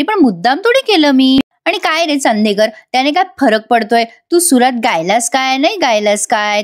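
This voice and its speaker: A woman voicing a playful young wife who chattily teases her partner. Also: high voice. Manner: teasing, chatty.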